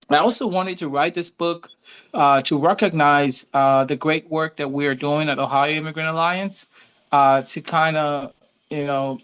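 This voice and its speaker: Man from Senegal, smooth voice, dull audio. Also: on the high side, fairly bright tone. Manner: earnest, personal, frequent fillers. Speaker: author and guest. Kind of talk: online interview.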